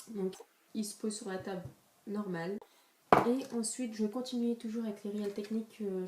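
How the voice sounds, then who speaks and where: A woman's voice: mid-range voice, dark tone, recorded from a distance. A young woman vlogger talking casually through a makeup haul, hesitant, with many fillers and restarts, recorded on a camera mic in a room at home. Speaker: beauty vlogger. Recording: echoey room, voice a bit off-mic, faint noise.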